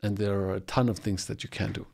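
A man's voice: fairly low pitch, flat delivery, quick pace, vocal fry, a little mellow. A man in his forties hosting a solo podcast in a small home studio. He explains things at length and gestures with his hands as he talks into a close podcast mic. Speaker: podcast host. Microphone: podcast mic on boom arm, close.

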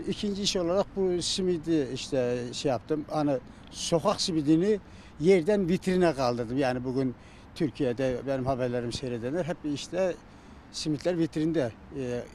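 A middle-aged man from Turkey answering informally in an interview, halting and often stumbling over his words. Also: a little high, darkish tone. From Çorum, Turkey. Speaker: interviewee, simit seller and retired civil servant. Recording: faint outdoor street noise.

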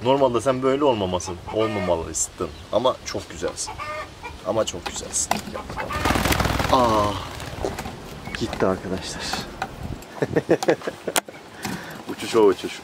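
A man's voice: on the low side, normal speed, long pauses. Playful man in a noisy coop. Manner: playful, chatty, coaxing the bird and addressing viewers. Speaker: poultry vlogger. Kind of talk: casual chat to camera. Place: outdoor poultry coop. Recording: clucking birds loud behind. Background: chickens and quails clucking.

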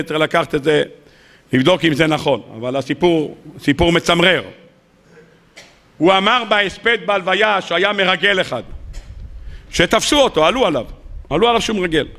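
High, gravelly rabbi preaching dramatically. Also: male voice, expressive. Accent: Israeli Hebrew. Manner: dramatic storytelling, rising to loud emotional peaks. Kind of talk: sermon. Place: lecture hall.

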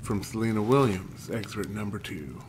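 Against a noisy background, a man with a lowish voice streams a horror game at a normal speed as a let's play. He chats and reads in-game notes aloud, sometimes stumbling over names.

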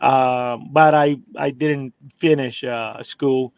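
Speaking slowly with vocal fry, this guest has a medium-pitched voice and fairly even intonation. He's a man in his forties from Cuba who talks in English, his second language, with a Cuban Spanish accent, sharing his story hesitantly and full of fillers while sitting in a parked car. The casual interview comes through a phone video call, with dry, slightly dull audio.

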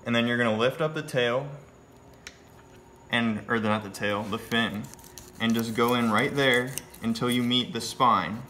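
A young man in his twenties, a fishing vlogger, narrates a casual trip from a small boat on a river, cheerfully counting each catch play-by-play. His mid-range voice is unhurried with a sharp edge. It was captured on a handheld phone camera outdoors, and the recording is noisy.

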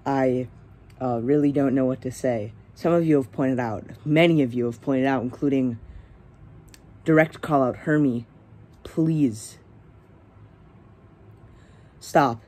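A man's voice: mid-range voice, slow, long pauses, a little mellow. A teenage young man hosting his own channel, talking casually and hesitantly with many fillers and restarts. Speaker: channel host. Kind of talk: casual rambling vlog.

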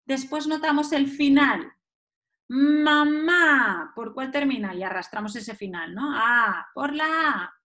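A woman presenting an educational webinar, explaining step by step and sounding out words slowly as a model for teachers. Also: sits high, animated, fairly bright tone. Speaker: webinar presenter on early literacy.

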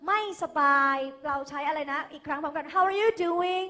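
Thai lady english tutor, high sharp voice, drilling the class on pronunciation, echoey hall. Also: normal speed. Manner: lively, calls students "kids" and "dear", drills pronunciation. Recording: echoey hall, phone recording.

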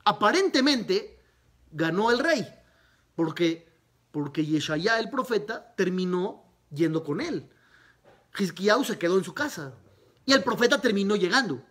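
A man, a rabbi, teaching a Talmud lesson, retelling a story with lively narration and rhetorical questions. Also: high-pitched, measured pace, long pauses.

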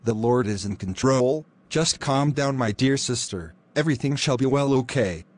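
A man's voice: mid-range voice, lively intonation, moderate pace, a little mellow, natural voice. Guy doing a kind soothing pastor in a cartoon. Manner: soothing, consoling. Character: gentle, reassuring male pastor. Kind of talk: animated drama voice acting.

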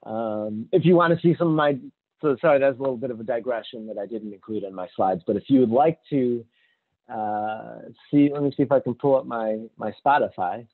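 A man's voice: mid-range voice, fairly quick. A man giving a casual technical talk with slides, rambling with many fillers and restarts. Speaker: conference speaker. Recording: tinny phone-like audio.

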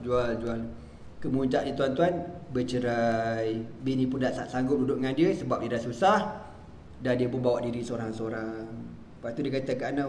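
A man's voice: medium pitch, darkish tone, echoey room, a little hiss or hum. A man with a Malaysian accent, a religious teacher giving a sermon and telling a story, acting out the quoted dialogue. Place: mosque prayer hall.

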